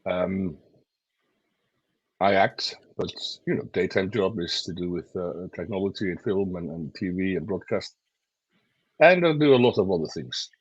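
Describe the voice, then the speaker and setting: Deep husky man on dry, dull call. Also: lively intonation, moderate pace, no room sound. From Iceland. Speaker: panelist, association chairman. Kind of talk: online panel introduction. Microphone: video call. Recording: dry, muffled lo-fi call audio.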